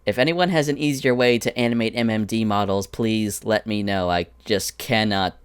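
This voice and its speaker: A man's voice: fairly low pitch, normal speed, clean tone, dry recording, clean studio sound. A man giving a casual, chatty walkthrough of his animation sets, drifting into asides as he goes. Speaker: animator showing his Minecraft prop world. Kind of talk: casual screen-recorded walkthrough.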